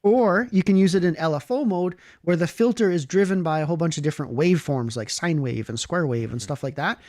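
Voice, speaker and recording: A man's voice: fairly high pitch, brisk, darkish tone, no room sound, studio quality. A man with a Canadian accent, co-hosting a casual livestream chat, upbeat and enthusiastic as he talks about effects pedals. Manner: upbeat, enthusiastic, laughs often. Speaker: co-host, pedal maker.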